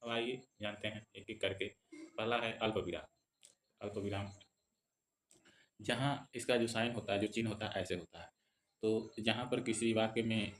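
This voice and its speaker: Guy teaching grammar, repeats every point, slows down for examples, kinda monotone. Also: on the low side, a little hiss or hum. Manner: explains each point twice, slowing down for examples. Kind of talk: explanatory lesson.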